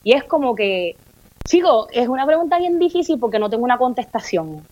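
Animated Puerto Rican woman, high voice. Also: brisk, lo-fi sound. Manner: candid, animated storytelling with playful mimicry and swearing. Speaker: guest. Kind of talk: casual podcast conversation.

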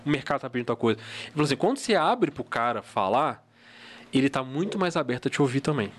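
Fast-talking podcast host. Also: male voice, mid-range voice. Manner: fast, animated retelling of anecdotes. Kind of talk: casual podcast chat.

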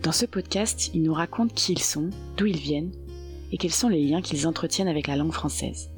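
A woman reads a scripted podcast opening in a calm, measured way. Her voice sits on the low side, and soft guitar music plays faintly behind her. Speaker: podcast host.

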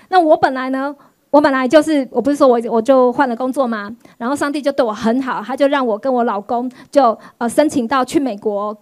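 A woman pastor, giving a sermon testimony in an animated storytelling way. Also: high voice. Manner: animated storytelling, acts out quoted voices.

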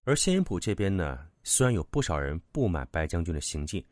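Deep-voiced man telling a story. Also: sing-song, a little fast, dry recording, clean studio sound. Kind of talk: serialized storytelling narration.

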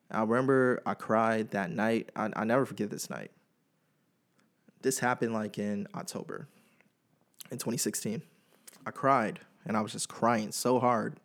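A young man hosting a podcast, speaking candidly and emotionally in a casual personal monologue full of slang. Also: on the low side. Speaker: podcast host.

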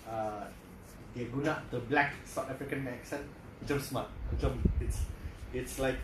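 A man's voice: mid-range voice, fairly even intonation, moderate pace. A man in casual podcast chat, mixing Malay and English and stumbling over his words. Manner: mixes Malay and English, stammers when explaining. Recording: roomy with background noise.

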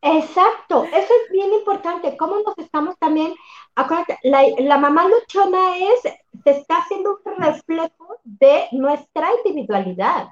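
A high-pitched woman talks reflectively and with emphasis, often affirming what she hears. Her voice carries a roomy echo, and the recording sounds somewhat dull and lo-fi. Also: expressive, moderate pace. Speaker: workshop facilitator and coach. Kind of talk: casual conversation.

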